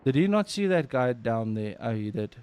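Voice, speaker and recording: A man's voice: mid-range voice, sing-song, normal speed, darkish tone, slight background noise. A South African man hosts a live gaming stream. He chats and commentates in a casual, informal way, dropping plenty of slang, with a mid-range voice. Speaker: livestream host and game commentator.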